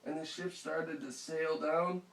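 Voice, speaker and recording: A man's voice: on the high side, fairly even intonation, measured pace, a bit bright. A father improvising a playful, rambling bedtime story at home, often laughing as he goes. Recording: roomy echo, mic far off, faint hiss.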